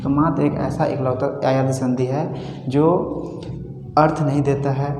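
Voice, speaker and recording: A man's voice: mid-range voice, little pitch movement, unhurried, a little mellow. A man with a Bhojpuri-tinged Hindi accent teaching a Sanskrit grammar lesson, asking questions and answering them himself, repeating key syllables as drills. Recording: roomy echo with long reverb, faint music.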